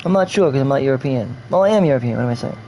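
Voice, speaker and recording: A New York man rambles through casual game stream commentary, repeating himself and drifting in and out of a put-on English accent. He talks rapid-fire in an animated, warm, medium-pitched voice, with faint music behind him.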